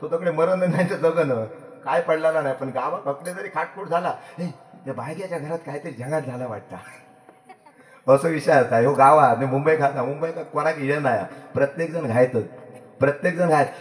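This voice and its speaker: A man's voice: on the high side, brisk. A man with a Malvani Marathi accent telling a comic story on stage, teasing and repeating his punchlines. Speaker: bhajan singer and storyteller. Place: performance hall. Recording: echoey hall with faint music.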